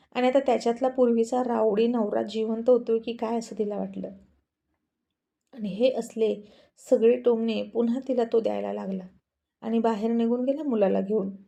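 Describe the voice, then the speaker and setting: Brief: a woman storyteller with a gravelly voice and a somewhat high pitch, narrating emphatically. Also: warm tone.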